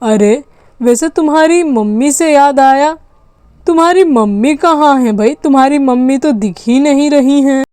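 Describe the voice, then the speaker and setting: A woman's voice: sits high, unhurried, a little mellow, no echo. A woman playing a weary scolding dad. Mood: cautioning. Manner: fussy, scolding fatherly tone. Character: grown man, tired father of two kids. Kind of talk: doll story role-play.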